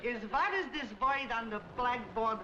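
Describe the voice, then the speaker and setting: A woman's voice: a little high, animated, moderate pace, lo-fi sound, lightly acted. An actress playing a fussy immigrant woman student who mixes up her V and W sounds. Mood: earnest. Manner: swaps V and W, drawn out. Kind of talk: 1960s sitcom acting. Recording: hissy, roomy old TV soundtrack.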